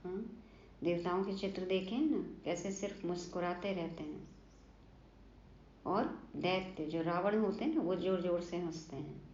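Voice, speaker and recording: A woman delivers an earnest devotional sermon in a lowish, mellow voice. She poses questions and answers them herself, nudging listeners with short prompts. The recording is roomy and slightly muffled. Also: measured pace, a little hiss or hum. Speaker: spiritual teacher explaining a daily lesson.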